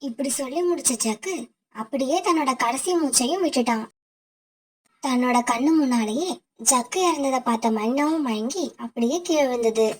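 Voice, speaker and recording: A woman narrating a children's cartoon story in a steady, explanatory way. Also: high voice, moderate pace, slightly rough.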